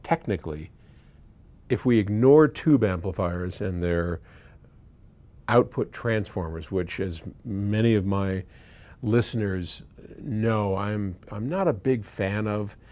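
Fairly low in pitch and a little mellow, the voice belongs to an American audio company founder in his sixties. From inside an electronics workshop, he tackles listener questions for the camera in a conversational, opinionated way, his phrases coming in fits and starts.

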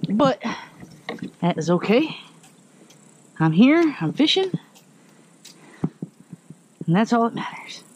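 A kayak-fishing vlogger in his thirties talks casually to an action camera, chatty and excited as he coaxes in a fish, and is also heard at a waterside lot. His voice is extremely high and slow, with frequent pauses. The camera is kayak-mounted or handheld, and the audio is dull with slight background noise.

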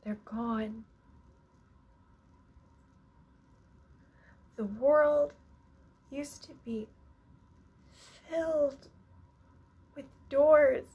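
Playing an earnest, nervous young musician in a stage monologue, a woman comes across as wistful and self-doubting. Her voice is high-pitched but dark in tone, and her halting delivery, with long reflective pauses, feels wistful and lost.

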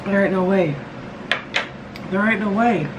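A woman's voice: mid-range voice, unhurried. Woman with mouth burning from spicy food. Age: middle-aged. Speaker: co-host of a food challenge video. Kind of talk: casual reaction chat. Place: indoor room at a table. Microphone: camera a few feet away. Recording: clearly noisy room recording.

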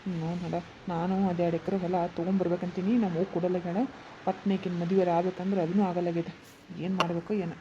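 A woman puts on a middle-aged village man from a cartoon, worrying over his troubles with a North Karnataka accent. The voice is dark and mellow, and the speech is brisk. The recording sounds dull and lo-fi. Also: on the low side, flat delivery, slight background noise, lightly acted. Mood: brooding. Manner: polite, fretful muttering to himself. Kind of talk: cartoon comedy voice acting. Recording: dull lo-fi voice track.

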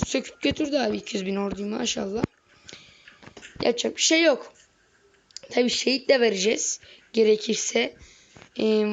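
A woman doing let's play commentary on a strategy game, excitable and slangy, often yelling at the game. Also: fairly high pitch. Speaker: gaming video creator. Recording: lo-fi with faint noise.

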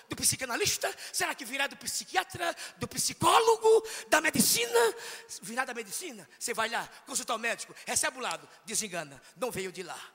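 A man preaching with a Northeastern Brazilian accent, comic and fiery, swinging from mutters to shouts before a congregation. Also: extremely high pitch, husky. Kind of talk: sermon. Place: church hall, in front of a congregation. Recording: echoey church hall.

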